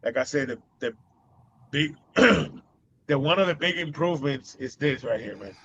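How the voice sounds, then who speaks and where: A man's voice: medium pitch, expressive, normal speed, a bit bright, slightly rough, dull audio. A man with a Boston accent hosting a casual live show, rambling with many fillers and laughing often. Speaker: host.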